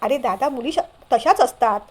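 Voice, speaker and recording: Brief: a woman reading a playful teasing younger brother, light and high. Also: expressive, normal speed, a little mellow.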